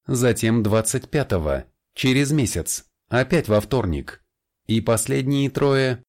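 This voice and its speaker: A man's voice: medium pitch, animated, unhurried, a little mellow, pitched above the performer's own voice. A man voicing an eager male elementalist colleague explaining findings, in a raised voice, in an audiobook.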